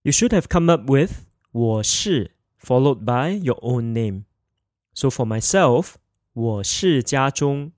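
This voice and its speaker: A man hosts a podcast language lesson, pausing to repeat each word slowly so learners can follow. His voice sits at an ordinary middle pitch. It is recorded dry on a close microphone. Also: animated, darkish tone, dry recording. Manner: slow, clear, repeats words for learners. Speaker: Mandarin teacher.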